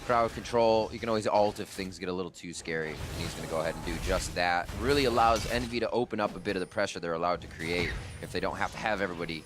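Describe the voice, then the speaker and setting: A man calling live play-by-play for an esports match in a brisk, energetic way. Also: low-pitched, background noise. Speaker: esports commentator.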